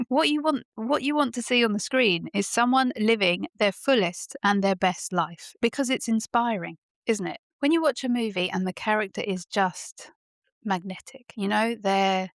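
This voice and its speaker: Gravelly woman giving motivational talk. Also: mid-range voice, a bit bright, no room sound, clean studio sound. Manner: emphatic, full of rhetorical questions. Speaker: podcast host. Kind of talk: motivational podcast monologue.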